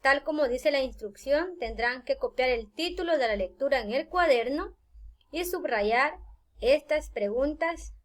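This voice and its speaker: A woman teacher giving a recorded lesson, explaining step by step with deliberate pauses and fillers. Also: high-pitched, lively intonation.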